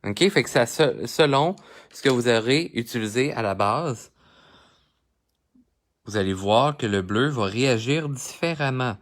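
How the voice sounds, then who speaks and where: A man's voice: mid-range voice, lively intonation, a little slow. Chatty Québécois man teaching coloring. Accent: Québécois French. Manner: chatty, talks straight to live viewers while coloring. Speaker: art instructor. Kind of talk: live-streamed drawing tutorial.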